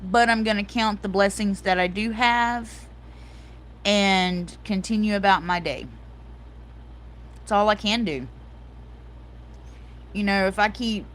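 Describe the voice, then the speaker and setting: A woman's voice: medium pitch, slight background noise. A middle-aged woman hosting a casual livestream, telling stories animatedly and calling her viewers y'all. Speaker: livestream host.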